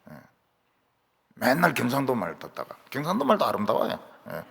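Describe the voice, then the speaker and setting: A male pastor with a Gyeongsang accent preaching a sermon in a church, telling stories in an animated way and acting out the voices he quotes. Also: medium pitch, brisk, gravelly, breathy edge. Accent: Gyeongsang Korean. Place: church sanctuary. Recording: reverberant church hall.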